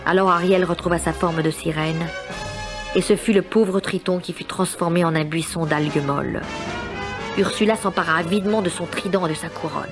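A woman's voice: lowish voice, fairly even intonation, moderate pace. A woman narrating a children's story in a scripted, dramatic style. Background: music.

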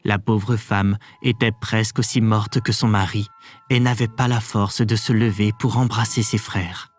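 A man narrating a fairy tale in an expressive, measured storybook reading. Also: fairly low pitch, soft background music.

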